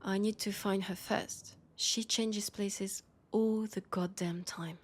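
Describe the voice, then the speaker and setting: Speaking slowly in a steady, medium-pitched voice, a French-accented woman portrays a tired, guarded policewoman confiding in someone quietly and with hesitation. The intimate sci-fi audio roleplay feels serious and resigned.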